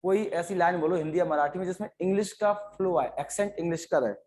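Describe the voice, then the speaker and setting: A man's voice: sits high, fast, darkish tone. A man from India teaching a biology class online, explaining in Hindi with English terms and calling on students by name. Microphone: online class setup.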